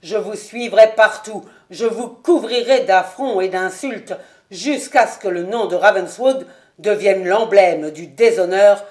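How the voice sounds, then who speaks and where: A woman voicing a grieving, vengeful colonel in an audiobook, stern and loud. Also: mid-range voice, unhurried, natural voice. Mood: furious.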